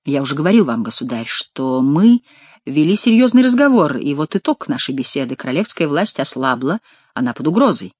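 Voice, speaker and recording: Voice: medium pitch, sing-song, a little fast, darkish tone, husky, no room sound, voice pushed down. A narrator voicing an earnest, deferential young male courtier in an audiobook. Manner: formal, deferential. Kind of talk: audiobook character reading.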